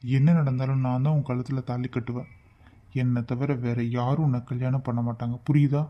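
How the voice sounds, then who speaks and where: A man's voice: mid-range voice, level tone, a little fast, highs cut off, lightly acted. A man voicing an earnest, protective young man in love in a cartoon, talking in an emphatic, coaxing way. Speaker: voice actor. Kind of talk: cartoon voice acting.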